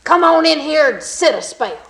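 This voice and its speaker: A woman voicing a mean, ornery old male blacksmith who talks gruffly and hollers his lines. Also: fairly high pitch, expressive, a little slow, pushed and bright. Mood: hollering.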